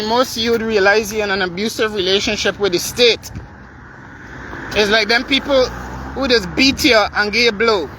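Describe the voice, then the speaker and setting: Guyanese man, high pitch, heated sarcastic street vlog, heavy traffic noise behind. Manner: sarcastic, heated, rhetorical questions. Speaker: protester vlogger. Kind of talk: angry street vlog rant. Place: outdoors by a city street. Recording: loud traffic noise outdoors. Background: passing vehicles.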